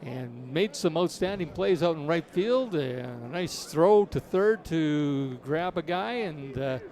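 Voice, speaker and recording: A man's voice: fairly high pitch, animated, slow, a little mellow. A man doing casual, conversational play-by-play of a baseball game. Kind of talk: casual conversational sports commentary.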